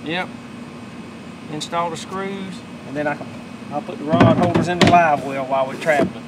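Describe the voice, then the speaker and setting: Showing off upgrades to his boat outdoors in a backyard, a middle-aged man chats in a rambling, folksy manner and corrects himself as he goes. His voice is on the high side with a steady tone at normal speed, recorded on an outdoor camera with loud background noise.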